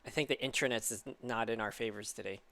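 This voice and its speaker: Rambling squeaky-voiced man hosting. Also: fairly even intonation, sharp tone. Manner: rambling, halting restarts and laughs. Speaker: podcast host. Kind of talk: casual chat.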